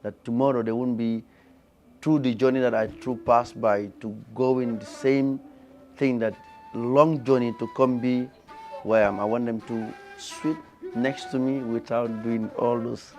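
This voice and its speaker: A man from Gambia, a guest in an interview, speaking as an in an earnest, halting way with many restarts. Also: medium pitch, fairly even intonation, darkish tone, soft background music. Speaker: guest, fashion brand founder. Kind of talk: interview conversation.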